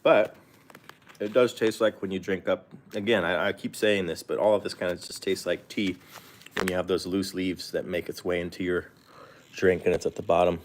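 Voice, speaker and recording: A man's voice: deep voice, fairly even intonation, moderate pace, a little hiss or hum. A man casually chatting on a livestream while feeding his guinea pigs, rambling and correcting himself with small chuckles. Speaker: pet vlogger.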